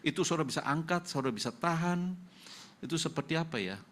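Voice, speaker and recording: A man's voice: a little high, expressive, quick pace, fairly bright tone. A male pastor with an Indonesian accent giving an emotional testimony sermon in church, acting out the dialogue of the people in his story.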